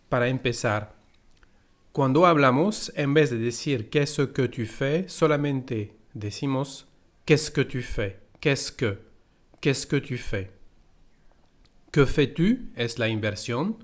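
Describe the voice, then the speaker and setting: Slow-paced French teacher, man. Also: medium pitch. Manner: slow, careful explanations with French example phrases. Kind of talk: language lesson.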